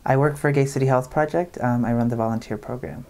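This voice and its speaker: A man's voice: mid-range voice, steady tone, fast, warm tone. A young man in his mid-twenties speaking casually and a little self-deprecatingly in a documentary interview. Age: 20s.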